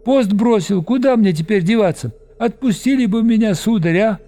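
A man's voice: high voice, animated, normal speed, warm tone, pitched above the performer's own voice. A man voicing a frightened young male deserter soldier who pleads tearfully in a thin, whimpering voice, in an audiobook. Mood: tearful pleading. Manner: whimpering, sniffling plea.

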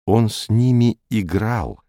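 A man voicing a young woman crew member who speaks slowly and deliberately in an audiobook. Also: fairly low pitch, mellow, no echo, clean studio sound. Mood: thoughtful.

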